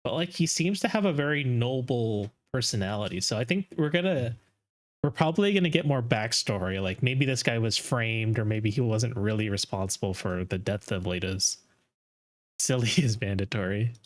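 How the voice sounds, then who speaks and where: A man's voice: mid-range voice, animated, moderate pace. A man giving casual, off-the-cuff live commentary as a streamer reacting to game trailers.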